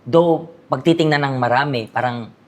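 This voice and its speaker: Very low-pitched woman pastor hosting a church interview, reflective and probing. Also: moderate pace, darkish tone. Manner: mixes English into questions, many "parang" fillers, rephrases the guest's answers back.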